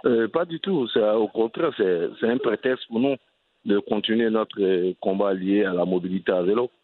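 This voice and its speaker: Ivorian man, cycling advocate guest, earnest, lowish voice, dry thin phone-like audio. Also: moderate pace, dry recording. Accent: Ivorian French. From Côte d'Ivoire. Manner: earnest, restarts phrases often. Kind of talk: radio interview answers. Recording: dry, tinny phone-line sound.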